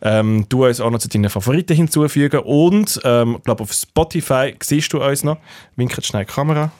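A man's voice: medium pitch, fairly quick, darkish tone, no echo, clean studio sound. A man with a Swiss German accent hosting a podcast in casual chat, talking freely and tripping over his words now and then. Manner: chatty, stumbles and corrects himself. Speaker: podcast host.

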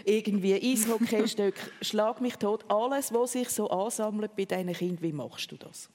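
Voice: mid-range voice, moderate pace, darkish tone. A host with a Swiss German accent, asking curious, conversational interview questions. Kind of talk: radio interview. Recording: long reverb.

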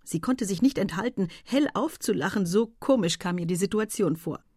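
A woman narrating a literary audiobook in a soft, hushed manner. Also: mid-range voice, lively intonation, normal speed, breathy edge, dry recording, studio quality.

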